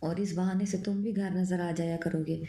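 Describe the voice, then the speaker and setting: A woman's voice: lowish voice, steady tone, normal speed, warm tone, close to an everyday voice. Woman reading as a nagging middle-aged mother. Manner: complaining, exasperated. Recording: roomy echo.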